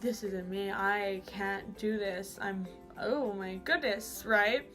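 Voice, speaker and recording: A young woman telling a personal story to camera in a casual, animated, dramatic way. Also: medium pitch, takes it slowly, faint music behind. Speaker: vlogger.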